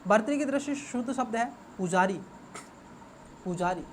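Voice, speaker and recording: A man's voice: very high-pitched, quick pace. Male exam coach walking through a paper, repeats each term, quizzes viewers rhetorically, faint background hiss. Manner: repeats words and asks students rhetorical questions. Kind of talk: exam paper answer walkthrough.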